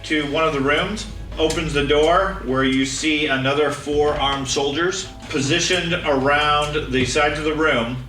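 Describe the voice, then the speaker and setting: Middle aged guy running a tabletop game, sharp bright voice, bit far from mic w faint music. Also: fairly high pitch, fairly even intonation, unhurried. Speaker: game master. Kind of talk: narrating a tabletop role-playing game. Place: indoor room. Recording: echoey room, distant mic, faint music.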